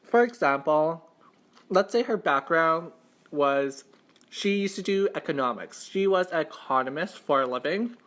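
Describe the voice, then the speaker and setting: Higher-voiced young man chatting casually. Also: lively intonation, measured pace, fairly bright tone. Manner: conversational, repeats and rephrases himself, heavy use of "like". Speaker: mukbang vlogger. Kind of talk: casual storytime chat while eating.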